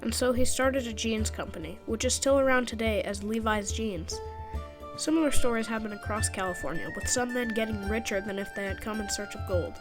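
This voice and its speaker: A woman's voice: on the high side, a little fast. Jokey woman narrating history. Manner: jokey, sarcastic asides. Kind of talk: casual scripted narration. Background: background music.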